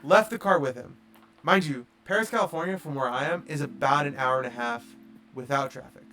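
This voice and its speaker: A man's voice: medium pitch, fairly quick, bright, forceful tone, faint music behind. A man telling a long casual story on a livestream, rambling with lots of fillers and acting out the dialogue. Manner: rambling, filler-heavy, acts out quoted dialogue. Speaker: streamer.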